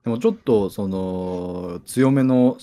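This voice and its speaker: A man's voice: on the low side, slow, mellow. A man, a manga artist appearing as a guest, chatting casually in a thoughtful, analytical way. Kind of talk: casual chat.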